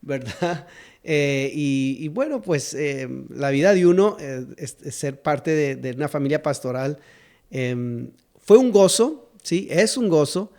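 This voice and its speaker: Slow and animated, his fairly high voice carries a warm tone. The man, a pastor and singer-songwriter in his fifties from South Texas, tells his life stories as a guest, hesitating, restarting, filling pauses, and laughing easily.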